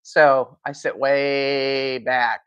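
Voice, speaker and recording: A woman's voice: very deep voice, little pitch movement, drawn-out words, a bit bright, clean tone, muffled recording. A woman hosting a casual live stream from home, rambling, laughing and answering viewer comments.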